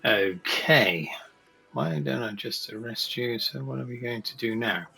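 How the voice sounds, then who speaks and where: Middle-aged guy reading game lines out loud, chatty and amused, game music behind. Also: mid-range voice, unhurried, gravelly. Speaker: gaming video host. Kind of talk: reading game text aloud in a playthrough.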